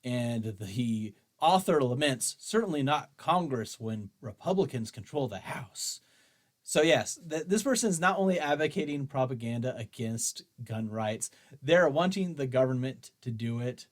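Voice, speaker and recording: A man hosting a commentary show on guns reads aloud and reacts in an argumentative, mocking way. His mid-range voice is animated and measured in pace.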